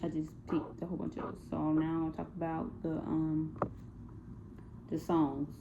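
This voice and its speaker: A young woman talks through a class music project in a low voice. She hesitates, fills gaps with "um" and "like," and keeps correcting herself. The recording is tinny and phone-like, with a faint hiss underneath. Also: completely flat delivery, moderate pace. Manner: hesitant, many fillers and self-corrections. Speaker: student presenting a music project. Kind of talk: casual spoken class presentation.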